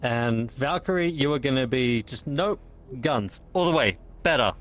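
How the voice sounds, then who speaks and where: A man's voice: medium pitch, animated, normal speed. A man giving players a matter-of-fact setup for their next role-play scene. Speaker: scene organizer.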